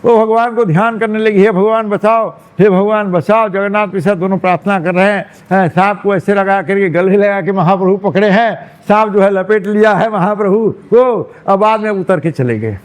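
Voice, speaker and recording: A man, a monk, telling a devotional story in a sermon, with lively narration and frequent asides to his listeners. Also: high voice, normal speed, few pauses. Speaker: monk preacher. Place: temple hall.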